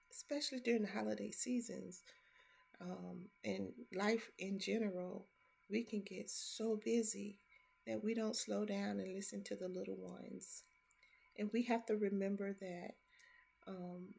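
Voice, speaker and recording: A woman's voice: medium pitch, creaky, darkish tone, husky. A middle-aged grandmother speaking in a casual, heartfelt monologue, earnest and reflective, repeating points for emphasis.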